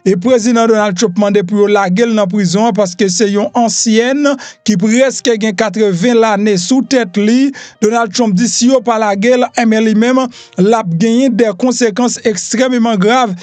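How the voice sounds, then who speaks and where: A man's voice: sits high, moderate pace, darkish tone, no room sound, soft background music. A Haitian man hosting a news rundown, reading headlines loosely with frequent fillers. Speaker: news host.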